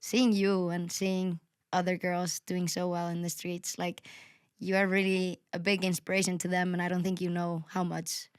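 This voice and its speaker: A woman's voice: on the low side, little pitch movement, moderate pace, clear, resonant tone. A young woman hosting a podcast, talking enthusiastically and swearing casually. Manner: enthusiastic, swears casually, says "sick" a lot. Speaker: podcast host.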